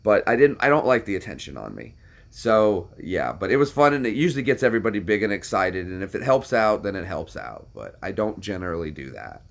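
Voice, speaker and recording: Brisk and sing-song, this young American's low, gravelly voice carries a casual chat with his viewers. He rambles through their questions, pokes fun at himself, and uses plenty of filler words.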